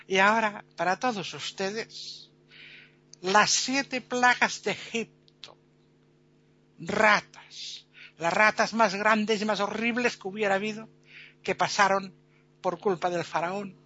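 A woman playing a pompous fairground showman, drawing out each word in a slow, grand, bright announcing voice. The recording sounds dull and lo-fi. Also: medium pitch, no echo. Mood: grandiose.

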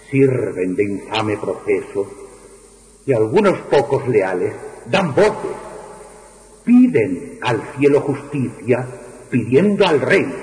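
Slow dramatic man reciting verse, echoey hall. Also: a little mellow. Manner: declamatory, with sweeping pitch for chanted refrains. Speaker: poetry reciter. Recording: echoey hall with long reverb.

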